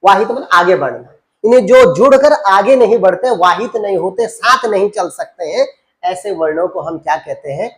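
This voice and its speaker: A man's voice: high-pitched, expressive, normal speed. A man teaching a Hindi grammar lesson, often asking rhetorical questions, repeating key terms and calling students "beta". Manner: addresses students as beta and babu.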